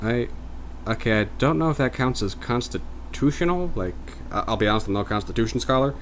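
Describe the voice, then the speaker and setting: Man, history show host, casual commentary, sarcastic, swears, mid pitch, faint background noise. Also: animated, fairly quick, low-quality recording. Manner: sarcastic, swears, rambling asides.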